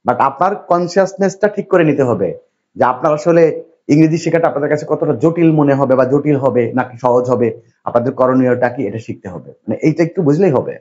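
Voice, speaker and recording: A man's voice: medium pitch, fast talker, a little mellow, muffled recording. A man teaching English to a class, from Bangladesh, who keeps putting questions to the students and reassuring them. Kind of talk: classroom lecture.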